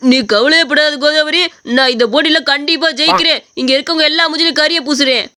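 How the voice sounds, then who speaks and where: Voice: sits high, steady tone, quick pace. Someone doing a clumsy hefty village lad, noisy. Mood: boastful. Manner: complaining, pleading. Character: hefty clumsy young village man, boastful. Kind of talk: cartoon story voice acting.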